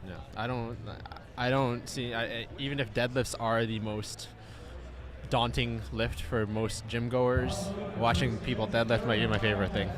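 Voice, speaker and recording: Easygoing guy co-hosting a powerlifting stream, mid voice, crowd loud behind him. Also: mid-range voice, fairly even intonation, moderate pace. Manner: upbeat, laughs easily, builds hype for lifters. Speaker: meet commentator. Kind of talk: live powerlifting commentary.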